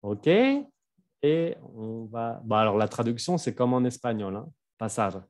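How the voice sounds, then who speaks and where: A man who speaks French as his first language teaches a French lesson from his home office in a fairly low voice, speaking slowly. He conjugates verbs and explains example sentences, enunciating each example carefully while keeping his explanations relaxed and chatty.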